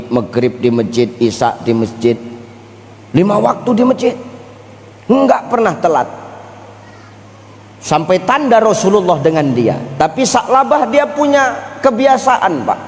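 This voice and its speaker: A man giving a comic sermon, teasing his audience with an animated, punchy delivery. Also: on the high side, in a large hall. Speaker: preacher.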